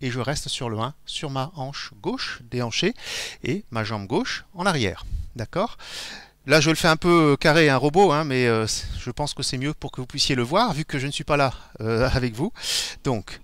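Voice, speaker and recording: A man's voice: mid-range voice, expressive, normal speed, a bit bright, no echo. A middle-aged man from France teaching an online dance class, counting the beats aloud as he demonstrates steps in a dance studio. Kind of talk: live online dance lesson. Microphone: far camera.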